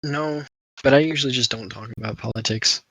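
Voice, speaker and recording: A man's voice: mid-range voice, a little fast, gravelly, pushed and bright, no room sound, low-quality recording. A young man, co-hosting a podcast in a laid-back, joking way, sleepy. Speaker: podcast co-host. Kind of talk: casual chat.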